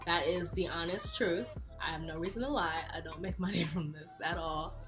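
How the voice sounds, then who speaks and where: Over music, a lowish-voiced woman in her early twenties talks at a moderate pace in a Q&A vlog. The Houston, Texas YouTuber keeps things casual, chatty and playful, with frequent laughter.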